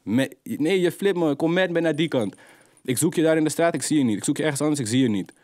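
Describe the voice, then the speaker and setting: A young adult man, a rapper guest telling street stories in animated, slang-heavy casual talk. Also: a little high, quick pace, dry recording, clean studio sound. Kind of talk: casual interview storytelling.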